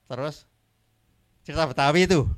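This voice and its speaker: An older man, an author guest at a book talk, chatting in a relaxed way, laughing often and trailing off his sentences. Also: on the high side, normal speed.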